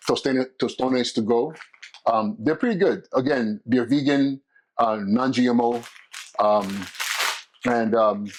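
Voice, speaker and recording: A middle-aged man from California, medium in pitch, hosts his own podcast and works as a school principal. He talks casually and solo, full of restarts and fillers, with background noise audible.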